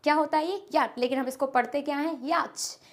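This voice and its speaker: A woman's voice: sits high, a little fast. A young woman, an English trainer teaching pronunciation. She asks questions and answers them herself, repeating each word. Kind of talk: spoken English lesson.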